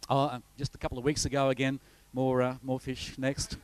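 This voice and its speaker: A clear, resonant, medium-pitched voice speaks in a monotone, a little fast. It belongs to a middle-aged Australian visiting pastor from the north coast of New South Wales, chatting his way through a rambling sermon introduction with slides, full of fillers and restarts.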